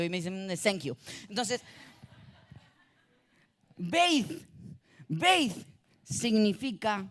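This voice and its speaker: A male pastor giving a sermon in a church, animated and having the congregation repeat words after him. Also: sits high. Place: church auditorium. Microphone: handheld or stage mic.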